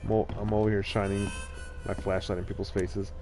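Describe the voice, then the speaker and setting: A man's voice: lowish voice, level tone, brisk, warm tone, soft background music. A man doing casual live gameplay commentary, with informal, rambling asides. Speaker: video game live streamer.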